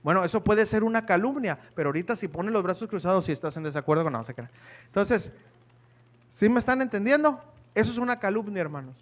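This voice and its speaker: A man's voice: sits high, expressive, fast. A man preaching a sermon in church, talking conversationally and asking the congregation questions.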